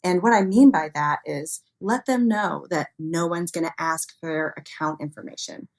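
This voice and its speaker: A woman who is an expert on human error in cybersecurity speaks as an interview guest, explaining things conversationally with everyday examples. Her voice sits low, and she talks at normal speed.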